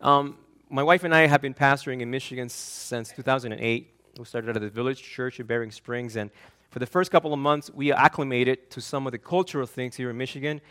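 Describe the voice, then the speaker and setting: A man's voice: medium pitch, a little fast, fairly bright tone. A man from Argentina, a pastor preaching an earnest, emphatic sermon that often repeats and restarts words.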